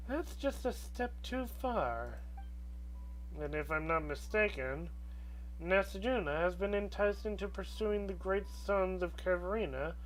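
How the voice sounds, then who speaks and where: A woman voicing a wise, knowing old woman in a slow, halting old hag manner, reading video game dialogue aloud. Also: on the low side, slight background noise, voice pushed down, rough recording.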